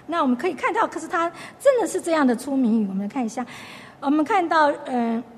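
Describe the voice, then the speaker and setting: She has a high, expressive voice and a quick pace, heard in a large hall. Leading a conversational Bible lesson, the teacher retells the story in a chatty way and keeps restarting sentences.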